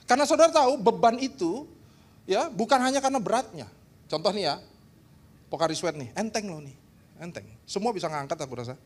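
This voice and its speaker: A man from Indonesia, a pastor preaching a church seminar sermon with humor, teasing his congregation and talking in an animated way. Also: sits high, brisk. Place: church hall.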